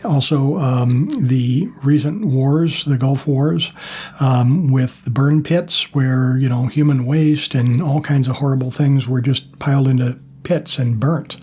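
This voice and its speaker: An older American man with a husky voice, talking to viewers as a host in a plain-spoken, casual monologue with measured pauses. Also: mid-range voice, warm tone. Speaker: YouTube host, former Marine.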